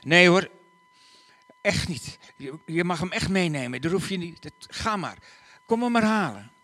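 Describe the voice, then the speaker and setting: A man's voice: high-pitched, lively intonation, unhurried, a bit bright, voice pushed up, heavily acted. A man voicing a friendly male neighbour who reassures and offers help. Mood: reassuring.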